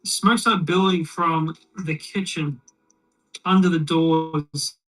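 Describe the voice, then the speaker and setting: Rambling deadpan storyteller, set back from the mic. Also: mid-range voice, slow pace, far from the mic, rough recording. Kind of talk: shaggy-dog joke told while painting miniatures. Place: room, alone.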